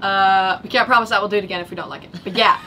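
A teenage girl chatting casually aboard a boat, relaxed and easygoing. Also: medium pitch, very fast, slight background noise.

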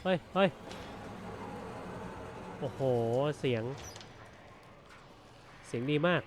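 A man's voice: very slow, background noise. A man playing through a horror game demo, muttering to himself and breaking into startled outbursts. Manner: excitable, jumpy outbursts and muttering. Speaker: gameplay streamer. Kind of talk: casual let's-play commentary.

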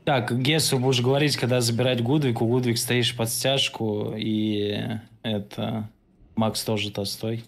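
A man's voice: medium pitch, level tone, unhurried. A man leading an online game raid over voice chat, giving blunt, bossy, profane instructions. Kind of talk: casual gaming voice chat, calling instructions. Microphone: online voice-chat microphone. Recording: slightly noisy gaming voice chat.

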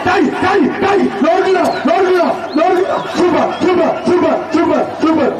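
A man announcing a live bull-taming event through a loudspeaker system, calling out prizes and warnings with rapid, repetitive cheering. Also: very high voice. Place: outdoor bull-taming arena. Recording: echoey loudspeaker from far off, roaring crowd.

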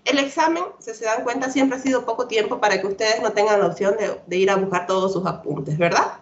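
A woman's voice: medium pitch, a little fast. A woman teaching English online, patiently explaining and drilling verb forms, often checking understanding with the class. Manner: patient, repetitive drilling, frequent "¿verdad?" checks. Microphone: computer mic on a video call. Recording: dull lo-fi video call audio.

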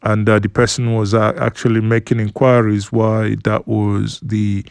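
A man giving an unhurried voice-over commentary on photos, explaining things at length with fillers and restarts. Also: on the low side, flat delivery, gravelly, darkish tone, smooth, dry recording, clean studio sound. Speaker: news commentator. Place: studio voice-over, not at the pictured site.

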